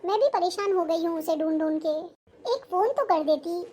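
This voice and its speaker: Patient, hardworking elder sister-in-law, fusses aloud , played by an actress; very high voice, family short film. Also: female voice, lively intonation, moderate pace, warm tone. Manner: fussing, complaining to herself. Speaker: actor. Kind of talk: family drama acting.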